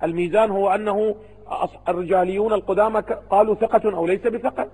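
A man's voice: sits high, steady tone, fast talker, a little mellow, slightly rough, long reverb tail, low-quality recording. A man with an Iraqi Arabic accent, a religious scholar giving a seminary lecture to students, who keeps posing rhetorical questions and answering them himself.

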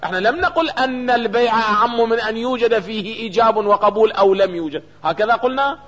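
A man with an Iraqi Arabic accent gives a seminary lecture on jurisprudence, his voice sitting fairly high. He keeps quizzing the class with rhetorical questions and answers them himself. The sound is dull and lo-fi, with a long reverb trailing off the hall. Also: fast, a bit bright. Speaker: jurisprudence teacher. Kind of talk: seminary lecture on a legal text.

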